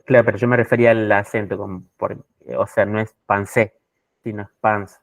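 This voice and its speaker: Low monotone guy asking a question in class, dry close sound, lots of "o sea". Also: fast talker, no room sound. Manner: hesitant and roundabout, full of "o sea" and "claro". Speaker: adult student.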